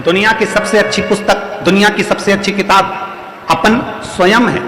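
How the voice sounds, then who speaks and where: A man with a Madhya Pradesh Hindi accent preaches a devotional sermon at a large outdoor religious gathering, his high, steady, bright voice moving at a moderate pace with real force. He repeats lines emphatically and rhetorically to drive his point home. The recording is echoey, like a hall with long reverb, and faint music plays underneath.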